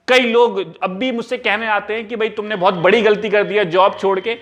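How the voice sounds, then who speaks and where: High-pitched guy vlogging, chatty and easygoing, tossing english words into his hindi, clip-on mic sound. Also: fairly bright tone. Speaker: YouTuber. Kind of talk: casual advice vlog. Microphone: small clip-on mic.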